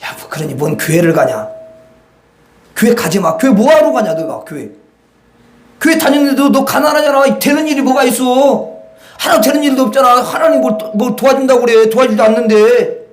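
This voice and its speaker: A man's voice: very high voice, animated, fairly quick. A man playing a sly male devil who coaxes and mocks in casual speech. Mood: coaxing. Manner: coaxing, mocking, casual speech. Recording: echoey church hall, faint noise.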